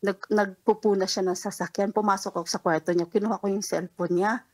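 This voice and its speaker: A woman's voice: medium pitch, steady tone, fairly quick, darkish tone, poor audio. Woman caller spilling a confession. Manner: rambling, retells dialogue, nervous laughs. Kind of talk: confessional storytelling on a call-in radio show.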